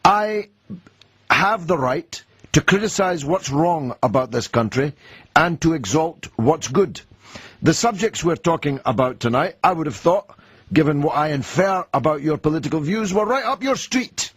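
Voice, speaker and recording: A British man hosts a radio phone-in from the studio, combatively questioning his caller through a studio mic. His voice is on the high side, expressive and slightly rough, with a fairly bright tone, normal speed and a dry recording.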